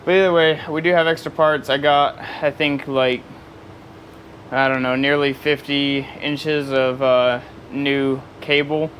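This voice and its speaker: A man's voice: mid-range voice, fairly even intonation, unhurried, a bit bright, slight background noise. A tired man vlogging outdoors beside his truck, rambling easily with lots of fillers. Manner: rambling, easygoing, with many fillers and laughs. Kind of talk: casual off-the-cuff vlog talk.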